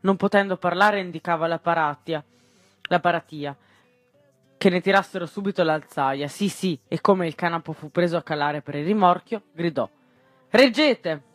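Male storyteller with a slightly raised pitch and dry close sound, reads a literary tale, trips on words and corrects himself. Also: moderate pace, dry recording, faint music behind. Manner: stumbles and corrects himself mid-word. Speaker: reader. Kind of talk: reading a literary short story aloud.

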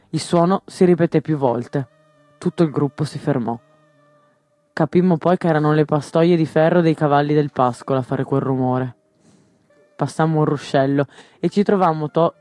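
A man narrating a novel as an audiobook, reading steadily and raising his voice for shouted lines. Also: dry recording. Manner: steady storytelling, lifts pitch for shouted quotes.

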